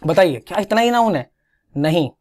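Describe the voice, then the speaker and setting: A man's voice: high-pitched, normal speed. A young Indian man giving an exam-prep English grammar lesson, coaxing students to repeat words after him and correcting their pronunciation. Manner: animated, coaxing, drills pronunciation with repetition. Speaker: English teacher.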